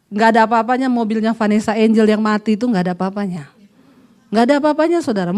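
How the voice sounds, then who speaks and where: A middle-aged woman pastor, preaching a sermon with animated storytelling and acting out the voices of the people in her stories. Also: a little high.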